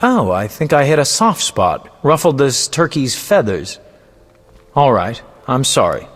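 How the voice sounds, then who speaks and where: A mid-range, slightly bright male voice moves in a sing-song way, a little slow, within a large hall. He voices a vain, roguish poet and bard in a video game, delivering storytelling lines theatrically, floridly, and self-importantly, with a breezy, sly mood.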